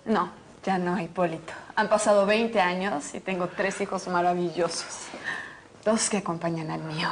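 A woman, playing a mother in a telenovela who speaks softly about old wounds. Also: on the low side, fairly even intonation, normal speed, a little hiss or hum, natural voice. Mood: wistful. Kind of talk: telenovela acting.

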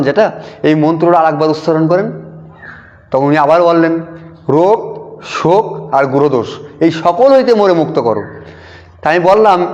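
A man telling a personal devotional story in a lively way, quoting conversations and repeating lines for emphasis. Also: fairly high pitch. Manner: animated retelling, quotes dialogue with emphatic repetition. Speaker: devotee sharing a testimony. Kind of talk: storytelling testimony. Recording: dull audio in a long-reverb hall.

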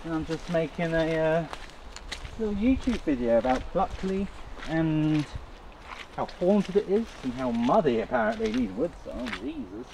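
This vlogger's voice is a little high, gravelly and sing-song, at normal speed, as he walks through muddy woods holding his camera. He chats casually, though hesitantly, breaking off his own sentences, and the recording picks up plenty of outdoor noise.

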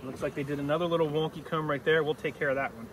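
Working outdoors in a grassy-yard apiary, a middle-aged man teaches beekeeping and explains every step plainly. He talks very fast in a fairly high, steady voice, and the distant camera mic a few steps off captures very noisy audio.

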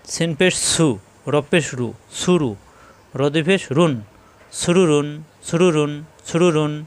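A man teaching Quran letter pronunciation in Bengali, spelling syllables slowly and repeating each word several times, with short corrections on how to say them. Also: on the high side, fairly even intonation, clear, resonant tone. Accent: Bangladeshi Bengali. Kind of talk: spelling drill lesson.

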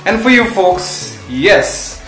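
A man's voice: high voice, sing-song, slow pace, a bit bright, reverberant, faint music behind, low-quality recording. A young man from India chatting casually in a vlog, switching between English and Hindi, recorded in a small home room and kitchen. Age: young adult. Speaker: vlogger.

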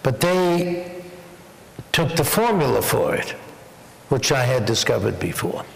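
A man's voice: medium pitch, sing-song, measured pace, gravelly, a little hiss or hum. A man answering questions as the honored guest at an onstage dinner interview, wry and joking. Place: large banquet hall. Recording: echoey banquet hall.

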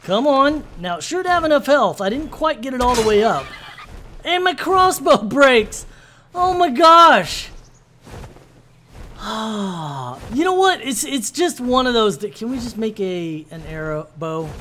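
A man hosting a gaming video, giving let's-play commentary in an animated, exasperated, mock-ranting way. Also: high-pitched, normal speed, a little hiss or hum. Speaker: gaming channel host.

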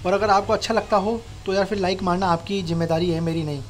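A man's voice: sits high, fairly even intonation, fast, a little hiss or hum. A young man casually narrating his own gameplay as host of a gaming channel, talking informally and directly to his viewers like friends. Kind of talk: casual Minecraft tutorial voice-over.

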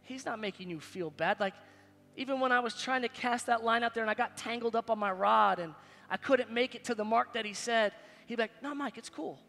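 A man in his forties preaching a sermon as pastor, animated, swinging between loud high bursts and quiet low asides. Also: fairly quick, gravelly. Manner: animated, preaching with big swings in loudness and pitch. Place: large stage in a church hall. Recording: long hall reverb, faint music behind.

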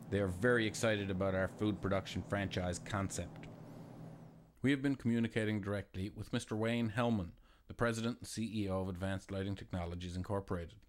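A man with a very deep voice narrates from a script. His delivery is formal and measured, and faint background noise sits under his words. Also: fairly even intonation.

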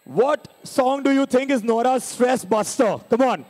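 A man's voice: very high-pitched, lively intonation, a little slow, a little mellow. A man hosting a live dance event, calling out to the crowd and asking questions. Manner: hypes the crowd, calls for cheers. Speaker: event emcee. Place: indoor dance event venue.

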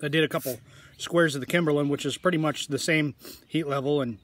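A man talking casually to his viewers in a tasting vlog, rambling in a relaxed way. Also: a little high, fairly quick. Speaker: food reviewer.

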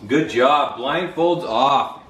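A woman with a low, lively voice runs a family snack game and cheers everyone on. She is recorded from across an echoey room with loud music playing. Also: slow. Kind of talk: casual family vlog.

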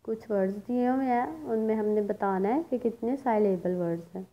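A woman teaching a recorded English lesson. She reads English words slowly and explains each one in Urdu. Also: fairly high pitch, dull audio. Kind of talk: recorded class lecture.

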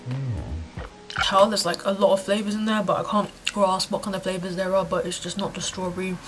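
A woman's voice: mid-range voice, a little fast, music in the background, poor audio. A woman chewing while talking, reviewing food in a casual, chatty way. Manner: chatty, lots of fillers.

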